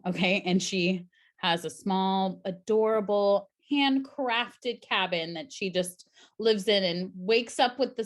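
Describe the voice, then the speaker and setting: A woman co-hosting a casual podcast chat, telling playful stories with dry humor and sinking quieter when musing. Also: on the low side. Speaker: co-host.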